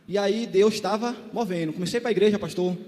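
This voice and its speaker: A man preaches his own testimony in a large church hall. His voice sits very high and the words come quickly. A long reverb trails behind every phrase. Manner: swings from quiet storytelling to shouted exhortation.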